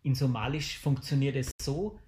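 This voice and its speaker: A woman's voice: rumbling low, moderate pace, a little mellow. A woman interviewer asking patient, encouraging follow-up questions.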